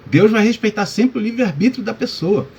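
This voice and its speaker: This male pastor sounds high-pitched, expressive, gravelly, husky and a little mellow, speaking at a moderate pace. His Bible lesson is casual, packed with "tá?" and "né?" and addressed to listeners as brother.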